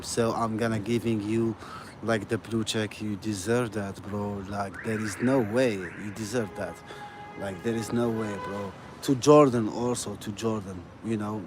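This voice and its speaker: A man from Algeria, chatting casually on a live stream while walking down a city street, rambling and friendly, with "you know" and "bro" in nearly every phrase. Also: on the low side. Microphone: phone. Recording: outdoor street noise with passing traffic. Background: urban ambience and vehicles.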